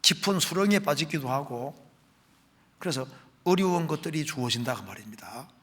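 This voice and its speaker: A middle-aged man preaching a sermon as pastor, reading scripture aloud slowly and with rising emphasis. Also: on the high side, expressive, a bit bright, breathy edge.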